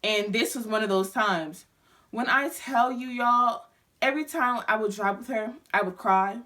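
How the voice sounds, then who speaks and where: A nineteen-year-old woman vlogger telling a story in casual, slangy chat, animated and talking straight to her viewers. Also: on the high side, a little slow.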